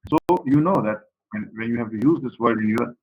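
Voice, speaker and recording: Teaching an online class, this Pakistani university lecturer speaks with a Pakistani accent and has Saraiki as his native language. He addresses students directly, explaining and going over points repeatedly, in a medium-pitched, slightly fast voice with a breathy edge over dull audio.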